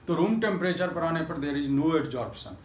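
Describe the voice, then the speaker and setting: A man's voice: on the high side, animated, a little slow. A man teaching a chemistry class in a Hindi-accented voice, mixing English terms into his Hindi and asking questions that he then answers himself. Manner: calls students "beta", asks and answers own questions. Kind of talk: classroom lecture. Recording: echoey classroom with faint noise.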